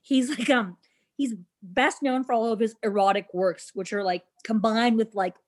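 A woman guest rambles through a casual chat in a slightly high voice. Her talk is chatty and loose and full of fillers. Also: normal speed. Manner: chatty, rambling, laughs easily.

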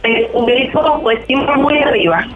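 A woman, calling in to a radio show on a cell phone whose audio keeps cutting out. She talks in halting, hesitant bits. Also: sits high, echoey room, music in the background. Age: 30s. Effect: glitching phone audio cutting out. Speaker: caller. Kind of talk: radio call-in chat. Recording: tinny phone line.

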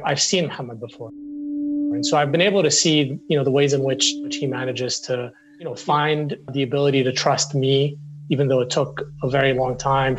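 A man's voice: mid-range voice, low-quality recording. A man in his forties, a lawyer from Syria who grew up in the Middle East, speaking earnestly in an interview with frequent restarts and repetitions. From Syria, raised in the Middle East.

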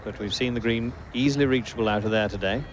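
A man's voice: medium pitch, fast. A man working as a golf commentator, calling play live in short, repeated exclamatory phrases. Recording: very noisy outdoor broadcast with loud crowd. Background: loud crowd and outdoor noise.

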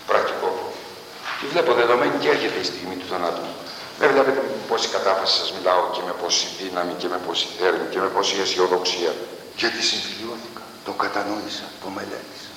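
A man giving a slow, emphatic classroom lecture, heard on a noisy archival recording from a lecture hall. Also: low-pitched, fairly bright tone. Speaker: university professor lecturing.

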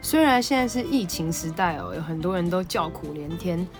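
A woman with a Taiwanese Mandarin accent hosting a podcast, telling a story in an animated, excitable way. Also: lowish voice, a little fast, over music. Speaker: podcast host. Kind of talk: casual storytelling monologue.

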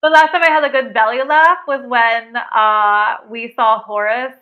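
A woman's voice: a little high, steady tone, measured pace, narrow, tinny audio, close to an everyday voice. A woman playing a foreign caller from a makeshift tent, who tells stories in a prim, rambling way. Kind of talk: improvised comedy bit.

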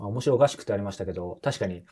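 Man, interviewer, fast pace, long strung-together questions, short replies. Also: fairly low pitch, mellow, husky. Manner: quick questions and frequent short backchannel replies. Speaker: podcast interviewer. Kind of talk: casual interview.

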